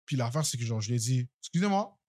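A young man with a Quebec French accent, co-hosting a casual podcast and telling stories in a loud, animated way, with English slang mixed in. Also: mid-range voice, racing, no echo, clean studio sound. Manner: loud-spoken. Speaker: podcast co-host. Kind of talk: casual chat.

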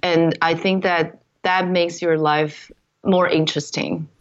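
Woman guest from Taiwan, second-language English, earnest and reflective, lowish voice, muffled lo-fi audio. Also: fairly even intonation, slow pace. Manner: earnest, reflective, non-native phrasing. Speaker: guest, entrepreneur. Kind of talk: interview answers. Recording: dull lo-fi audio.

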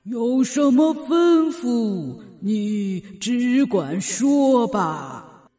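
A woman voicing an obedient male lamp genie for a storybook reading, speaking slowly and deliberately. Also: fairly high pitch, big pitch swings, mellow, faint music behind, full character voice. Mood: obliging. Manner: slow, measured, deliberate.

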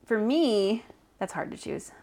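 On a casual podcast about tabletop role-playing, a female co-host talks about character voices in an animated, unhurried way. Her voice is mid-range with a dark tone, and she's chatty, thoughtful, and quick to laugh.

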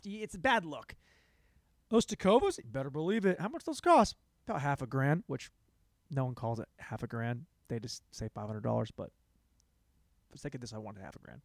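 A young man hosting a solo comedy podcast, rambling in a sarcastic, self-mocking way, jumping between loud bursts and mumbled asides. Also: medium pitch, dry recording. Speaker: podcast host.

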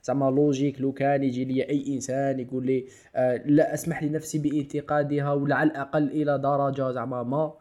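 Guy on a chill podcast, talks fast, mellow voice, lots of aah and english bits. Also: mid-range voice, flat delivery, muffled recording. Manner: thinks aloud, stretches "aah" between ideas, mixes in English and French. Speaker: podcast co-host. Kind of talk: casual discussion podcast.

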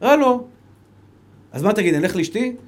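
A fervent Israeli rabbi with a high-pitched voice delivers a Torah lecture. He drops into soft, low asides and then climbs to raised, emphatic appeals to his listeners. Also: lively intonation.

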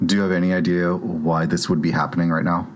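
A man playing a formal, composed male crew leader in a tabletop game. He speaks in a measured way. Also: low-pitched, little pitch movement, slight background noise, natural voice.

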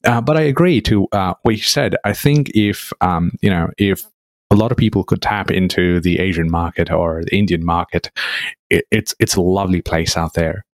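A man from Nepal hosts a podcast in easy conversation. His voice is very low and sits dry and close to the mic, with an agreeable manner. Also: moderate pace, dry recording. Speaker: podcast host. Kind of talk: casual conversation.

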